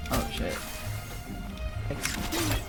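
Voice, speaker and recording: Over loud game music, a young adult streamer speaks slowly from an indoor setup. The commentary on their gameplay is informal, relaxed and self-deprecating.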